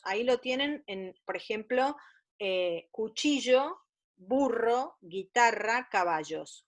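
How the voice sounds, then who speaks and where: A woman psychopedagogue giving an explanatory lecture to parents, patiently listing items one by one and now and then stumbling and correcting herself. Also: medium pitch. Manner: patient, methodical, lists items step by step.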